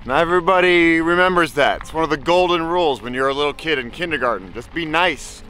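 A bikepacking vlogger in his forties narrates cheerfully to an action camera held at arm's length as he rides a mountain dirt road, his voice a little high, fast, and sharp on a rough recording. He's chatty and upbeat, talking to animals and slipping into playful sing-song bits.

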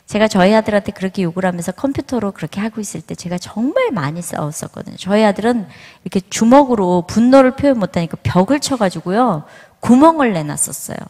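A middle-aged woman giving a church testimony, telling her story with lively storytelling and acting out the lines. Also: medium pitch, fast talker. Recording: reverberant hall.

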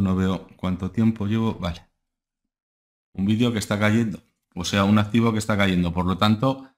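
Low-voiced young man rambling through charts. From Spain. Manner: rambling, full of filler tags like ¿eh? and ¿vale?. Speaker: stock market analyst and channel host. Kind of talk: casual screen-share market analysis. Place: home room, indoors.

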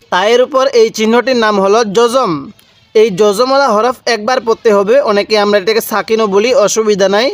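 A man's voice: sits high, dry recording. A man teaching Quran reading, patiently spelling out each syllable, repeating it and asking his learners questions.

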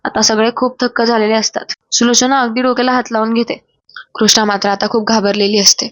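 A woman narrating a recap of a TV serial in a brisk storytelling manner with fillers. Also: a little high, flat delivery, dry recording. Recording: dry, slightly dull sound.

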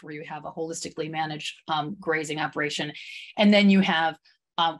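A woman author giving a slide presentation, speaking with frequent ums and small restarts. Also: on the low side.

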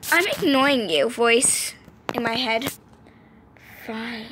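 A young woman improvises sing-song, playful role-play narration over gameplay for her gaming channel. Her voice is a little high, bright and forceful, and her pace is slow. The audio is a noisy amateur screen recording made on a phone mic.

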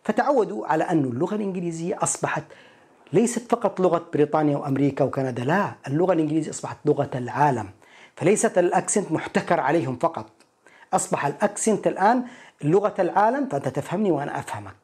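A man teaching an English pronunciation lesson, explaining each point and repeating words slowly to model them. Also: fairly high pitch, lively intonation, darkish tone, husky.

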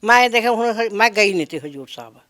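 A woman's voice: mid-range voice, expressive, a little fast, fairly bright tone. An older woman speaking in a devout, prayerful way in a casual chat. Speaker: village interviewee.

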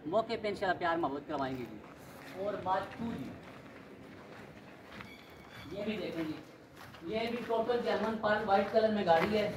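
A man gives a used-car sales pitch, his voice caught on a handheld phone while he walks an outdoor lot. He talks in a persuasive, repetitive salesman patter. Steady street noise sits clearly behind him. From Pakistan. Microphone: handheld phone camera.

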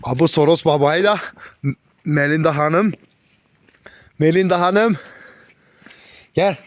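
A man's voice: a little high, slow, a little hiss or hum. A man chatting casually outdoors in the snow, talking affectionately to his puppies and the camera. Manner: affectionate baby-talk to puppies. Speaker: dog breeder vlogger. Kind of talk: casual chat with animals.

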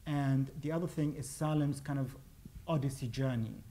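Speaking at a moderate pace in a dark, mid-range voice, a man in his forties from Iraq lectures on his own plays. He hesitates and restarts often, standing on a stage before a pale wall, with slight background noise.

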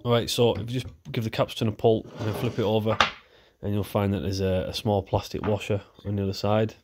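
Over a very noisy background, a man with a voice on the low side talks fairly quickly, his tone stuffy and nasal from a cold. He is a repair video host, chatting casually and relaxed while working through the repair with his hands.

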